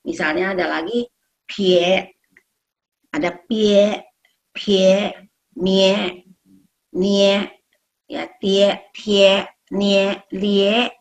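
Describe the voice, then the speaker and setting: A woman teaches pronunciation in a patient, explanatory way. She slows down to sound out each syllable, then repeats it so learners can follow. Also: on the low side. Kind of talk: pronunciation lesson.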